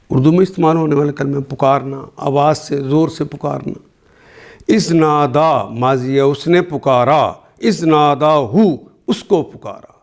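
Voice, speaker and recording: A man teaching a word-by-word Quran translation, reciting each verse slowly and then explaining every word in plain, patient teaching. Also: on the high side. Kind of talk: word-by-word scripture lesson.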